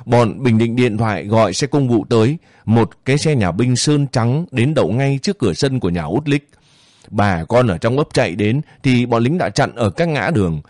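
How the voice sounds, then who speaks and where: A male narrator reads a story in a calm, measured manner. His voice sits at an ordinary middle pitch. The recording is close and dry, with no room echo. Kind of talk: audiobook narration.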